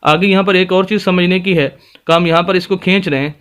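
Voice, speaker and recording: A man teaching Quran reading in a step-by-step recitation lesson, patiently explaining and then slowly spelling out letters and vowel marks. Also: high-pitched, fairly even intonation, fairly bright tone, clean tone. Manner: patient explanatory tone, addresses viewers politely.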